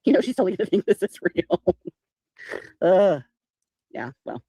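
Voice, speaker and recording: A woman's voice: lowish voice, big pitch swings, moderate pace, warm tone, husky, dry recording. A woman hosting a casual livestream chat, sarcastic and swearing freely as she talks. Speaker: livestream host.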